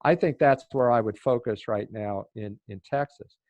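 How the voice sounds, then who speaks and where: An older man from Oregon, a former official on a panel, explaining at length in a measured way, with some fillers and restarts. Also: medium pitch, a little mellow, dry recording, lo-fi sound. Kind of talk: panel discussion answer.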